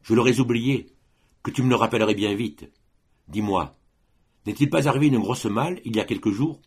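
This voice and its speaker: A man's voice: medium pitch, fairly quick, slightly rough. A man voicing a young officer as a patient, mildly teasing elder brother.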